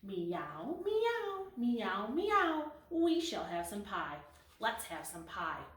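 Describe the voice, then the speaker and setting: A woman voicing three small kittens in a high, sing-song pleading voice. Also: sing-song, extremely slow. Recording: roomy echo, mic at a distance.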